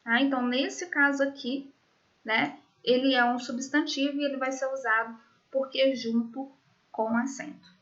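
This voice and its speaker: A woman with a high, bright voice explains a grammar point to her class, patient and methodical. She keeps checking in with short tag questions as she goes. The sound is dull and lo-fi, as from a computer mic in an online classroom. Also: fairly even intonation, normal speed. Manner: explanatory, checks understanding with frequent "né?" and "certo?". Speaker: teacher. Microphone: computer mic in a virtual classroom.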